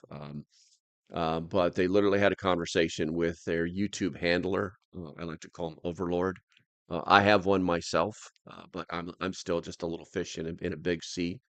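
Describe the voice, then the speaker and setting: A man hosting a casual livestream in a low, calm, unhurried tone, rambling and often restarting his sentences. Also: gravelly, no room sound. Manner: rambling, halting, trails off and restarts. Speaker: livestream host. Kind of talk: casual chat with a livestream audience.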